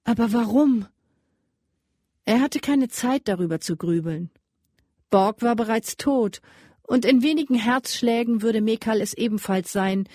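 A woman narrating an adventure audiobook in a measured, even reading. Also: a little high, no room sound, studio quality. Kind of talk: scripted storybook narration.

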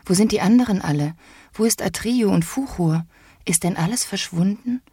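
A woman voicing a hesitant, curious young boy in a whispered role-play, with a hushed, breathy voice. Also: mid-range voice, normal speed, dry recording, clean studio sound, pitched above the performer's own voice. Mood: wondering.

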